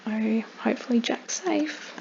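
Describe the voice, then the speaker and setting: Woman teacher, read-aloud lesson; slow, mellow voice with gravel in it, lo-fi. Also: on the high side, a little hiss or hum. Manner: gentle, explanatory, pausing to comment. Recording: dull lo-fi with faint ambience.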